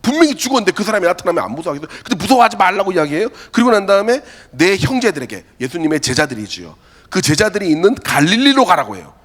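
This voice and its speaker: A male pastor delivers a youth sermon in a lively, storytelling way, often slipping into the voices of the people he quotes. His pitch sits a little high for a man. It swings widely from phrase to phrase. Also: very fast. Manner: animated storytelling, acts out quotes. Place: church worship hall.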